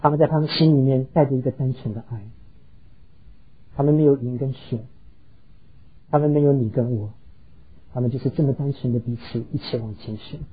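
A man's voice: mid-range voice, steady tone, brisk, pauses often, narrow, tinny audio, a little hiss or hum. A pastor preaching a sermon, earnestly telling stories and slipping English words into his talk. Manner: earnest, heartfelt storytelling.

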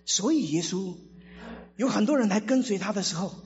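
A male pastor giving an animated sermon, full of rhetorical questions and acted-out voices. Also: sits high, normal speed. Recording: reverberant hall, dull lo-fi sound, faint music.

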